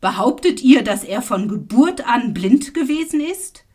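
A woman's voice: fairly high pitch, lively intonation, darkish tone. Woman reading stern male religious leaders. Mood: questioning. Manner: slow, plain reading voice.

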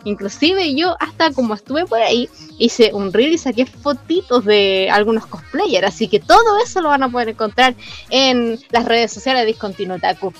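A woman with a Chilean accent and a high voice hosts a radio show over a music bed. She is chatty and casual, talking straight to her listeners. Her delivery is playful and full of exclamations. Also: animated, normal speed.

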